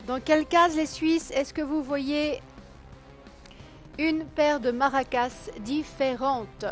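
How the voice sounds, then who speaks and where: Hoarse lady hosting a call-in tv quiz, pretty high voice, chatty and coaxing, counts down and fixes her own words, faint music behind. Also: steady tone, slow pace. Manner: chatty, coaxing viewers, counting down, correcting herself aloud. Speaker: game show host.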